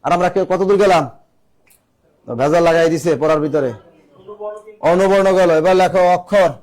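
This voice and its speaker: A man's voice: high-pitched, moderate pace, darkish tone. A male teacher giving a classroom lecture, repeating key phrases and quizzing his students. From Bangladesh.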